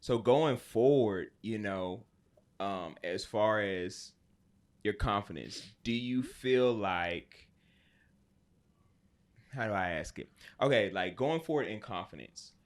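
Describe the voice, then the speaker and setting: A man hosting a podcast interview, easygoing and quick to laugh along, with lots of short back-channel replies. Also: on the low side, animated. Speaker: podcast host. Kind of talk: casual interview.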